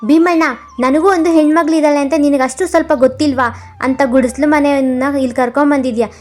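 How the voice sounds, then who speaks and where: A woman's voice: high voice, steady tone, a little fast, a little mellow, soft background music, pitched above the performer's own voice, lightly acted. A woman voicing a haughty rich wife in a cartoon, bossy and scornful toward the poor.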